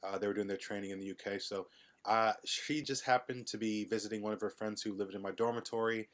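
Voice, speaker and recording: Middle-aged man guest, low monotone, relaxed and hesitant delivery. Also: quick pace. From United States, Midwest. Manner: relaxed, hesitant with many ums. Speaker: podcast guest. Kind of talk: casual interview conversation.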